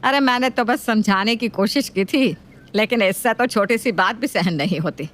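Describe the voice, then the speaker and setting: A woman's voice: a bit bright, lightly acted. Woman doing a nagging old mother-in-law. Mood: scolding. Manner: scolding, slow and lower-voiced.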